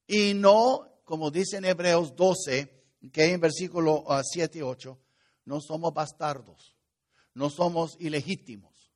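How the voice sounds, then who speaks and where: Man, pastor, high-pitched voice, sermon, loud then soft delivery. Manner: preaching with sudden rises and drops in loudness.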